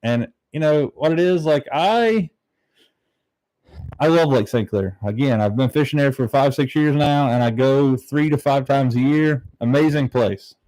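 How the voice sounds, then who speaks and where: A man's voice: mid-range voice, measured pace, warm tone, no room sound, poor audio. A man from southern Ohio hosting a casual fishing livestream, talking in a laid-back, rambling way from a small bare room at home. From southern Ohio, United States. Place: very small, bare-walled home room used as a studio, slightly echoey.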